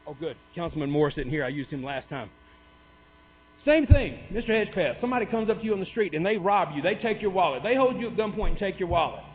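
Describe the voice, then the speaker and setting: A man's voice: high voice, expressive, fast. A man giving a heated, sarcastic public comment speech at a city council meeting, driving his points home with repeated questions. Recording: tinny, echoey hall with mains hum.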